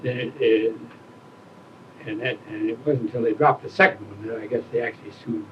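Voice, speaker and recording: Halting elderly veteran, remembering. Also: male voice, lowish voice, steady tone, muffled recording, slight background noise. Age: older, around 80. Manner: old veteran remembering, halting and searching for words. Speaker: war veteran interviewee. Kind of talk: oral history interview, reminiscing.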